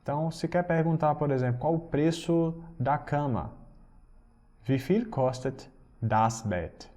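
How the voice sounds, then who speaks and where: A man teaching German, explaining patiently and reading German phrases slowly. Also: on the high side, darkish tone. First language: Portuguese. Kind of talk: recorded language lesson.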